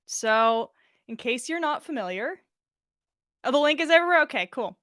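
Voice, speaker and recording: With a high, expressive voice that's pushed and bright, she speaks at a moderate pace, recorded with no room sound. The woman hosts a podcast livestream, informal, giggly and casually sweary, chatting and reading fan fiction close to a pop-filtered mic.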